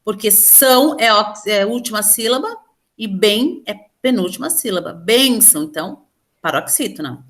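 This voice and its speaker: A woman's voice: mid-range voice, animated, moderate pace, fairly bright tone. A woman teacher with a Brazilian Portuguese accent, patiently explaining a grammar lesson step by step and questioning her students. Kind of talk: online class lesson.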